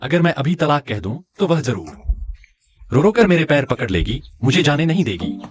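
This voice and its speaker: An arrogant young rich husband, barks orders and brags with a lively, swinging delivery. His voice sits a touch higher than most men's. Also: normal speed, breathy edge. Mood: smug. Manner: boastful, bossy, lively. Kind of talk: Hindi dub of a short drama.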